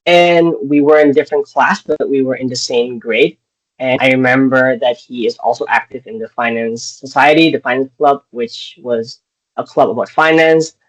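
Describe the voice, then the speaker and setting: A man's voice: medium pitch, fairly even intonation, normal speed. A man from Indonesia hosting a podcast interview over a video call, hesitant and full of filler words. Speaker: podcast host. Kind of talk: casual interview. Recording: dull lo-fi video call audio.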